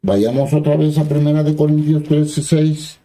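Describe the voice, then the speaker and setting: A man's voice: on the high side, fairly even intonation, moderate pace, dark tone, low-quality recording. A man preaching a sermon who reads scripture aloud and then explains it in plain conversational words, often asking the listeners brief questions.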